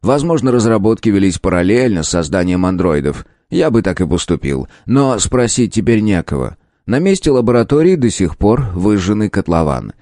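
A man's voice: lowish voice, sing-song, moderate pace, few pauses, mellow, no echo, clean studio sound. A man reading an older male professor, an authoritative scientist who speaks emphatically in an audiobook. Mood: musing.

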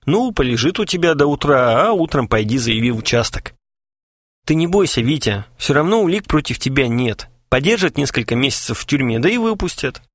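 A man's voice: medium pitch, sing-song, a little fast, no room sound, voice pushed up. A man voicing a cool, mocking young prankster who talks in a dry, matter-of-fact way.

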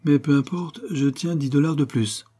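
A man voicing a nervous card-playing nobleman whose voice is slightly hoarse. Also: fairly high pitch, normal speed, warm tone, pitched above the performer's own voice.

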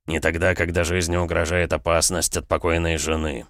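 A man voicing a selfish, stubborn middle-aged nobleman in an audiobook, in a flat, cold, unhurried delivery. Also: low-pitched, dry recording, clean studio sound. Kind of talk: audiobook character voice.

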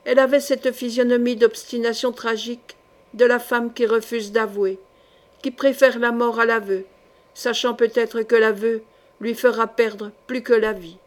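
Brief : narratrice femme, lecture mesurée et expressive, timbre assez haut. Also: female voice, fairly high pitch, moderate pace. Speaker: audiobook narrator. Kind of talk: scripted narration of a historical novel.

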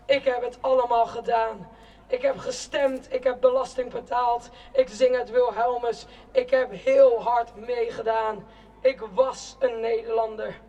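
A young woman giving a protest speech in a slow, declamatory spoken-word style, with shouted chants between lines. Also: fairly high pitch, steady tone. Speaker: rally speaker. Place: outdoor city square at a demonstration. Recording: distant outdoor rally recording.

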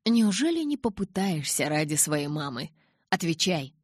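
A woman's voice: deep voice, moderate pace, husky, no echo, heavily acted. A woman reading a mocking menacing kidnapper. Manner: calm, mocking, commanding. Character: menacing smooth-voiced male kidnapper. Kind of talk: audiobook character voice.

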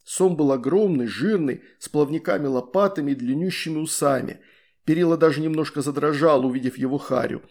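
A man reading a story aloud, narrating in a lively way between voiced figures. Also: on the high side, a little fast, gravelly. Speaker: reader.

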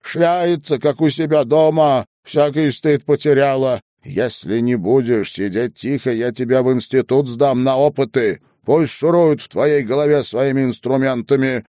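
A man voicing a frightened, weeping old grandmother in an audiobook, shrill and pleading. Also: measured pace, hardly any pauses, dark tone, no echo, studio quality, close to an everyday voice. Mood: tearful outburst.

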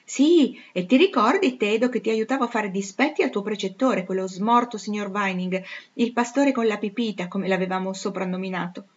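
A woman's voice: mid-range voice, dull audio, close to an everyday voice. A woman reading aloud, voicing a haughty young noblewoman who speaks with scorn and chatters with disdain.

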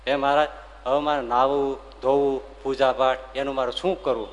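A man's voice: medium pitch, little pitch movement, normal speed, close to an everyday voice. A man voicing a humble village farmer who pleads earnestly with his guru. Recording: long hall reverb.

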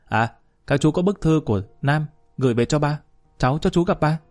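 A man voicing a soft-spoken gangster who talks courteously. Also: fairly high pitch, lively intonation, moderate pace, soft background music, lightly acted. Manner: soft, deferential.

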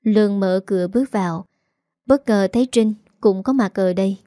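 A woman's voice: mid-range voice, normal speed, no echo, studio quality. A woman narrating a serialized story aloud, reading every character in the same voice. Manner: reads all characters in one even voice.

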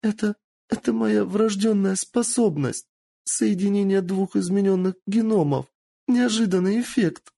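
A man's voice: sits high, measured pace, vocal fry, warm tone, pitched above the performer's own voice, heavily acted. A man voicing a frightened teenage fox shapeshifter girl held captive, pleading and whimpering. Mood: terrified.

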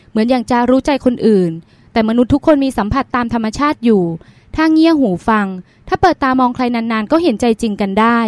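A woman reads the part of a seasoned male politician speaking calmly, with a high, quick delivery. He explains his views patiently, like a mentor lecturing a younger colleague, in a dry, close sound. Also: dry recording. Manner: gently lecturing, reasoned. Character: senior male politician, calm and instructive.

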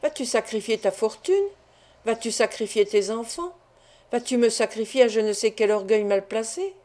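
A woman's voice: fairly high pitch, moderate pace, darkish tone, close to an everyday voice. A woman reading the lines of a self-interested older male business partner in an audiobook, insistent and persuasive. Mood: pressing.

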